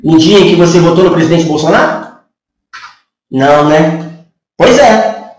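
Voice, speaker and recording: A man's voice: fairly high pitch, a little slow, a little mellow, recorded from a distance. Brazilian man in his thirties, vlogger, rhetorical and sarcastic, recorded off-mic in an echoey room. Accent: Brazilian Portuguese. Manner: rhetorical, sarcastic, asks many questions. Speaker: channel host. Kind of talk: political opinion monologue. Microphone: camera from a few feet away.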